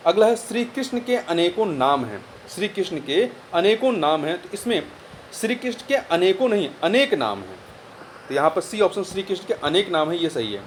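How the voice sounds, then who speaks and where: Man, Hindi exam tutor, slightly high voice, repeats words to spell them out, faint background hiss. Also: very animated, normal speed. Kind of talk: exam answer walkthrough.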